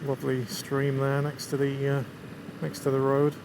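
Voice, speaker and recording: A man's voice: medium pitch, completely flat delivery, normal speed. A man with a Lancashire accent gives casual, chatty commentary to viewers as a motorcycle vlogger, enthusiastic and riding outdoors. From England. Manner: chatty, enthusiastic about scenery and bike. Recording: constant road, wind and vehicle noise.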